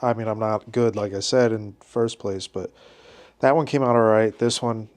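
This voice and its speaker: Here a man with a steady, lowish voice speaks at normal speed while filming his car build. Stuffy from a head cold, he gives relaxed how-to narration in his cluttered garage, thinking out loud with frequent restarts.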